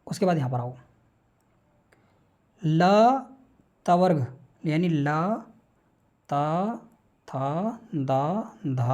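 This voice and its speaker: A man's voice: fairly high pitch, mellow. A man teaching a class, reciting speech sounds one by one and asking questions that he answers himself, in an informal, direct way. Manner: informal, addresses students directly. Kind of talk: classroom lecture on phonetics.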